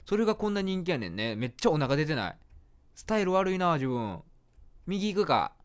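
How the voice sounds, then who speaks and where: A man's voice: fairly high pitch, very animated, a little fast. A man with a Kansai accent playing a game, narrating the story and joking at the screen as he plays. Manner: playful, reacts aloud and jokes at the screen. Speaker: game streamer. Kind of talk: let's play commentary with storybook narration.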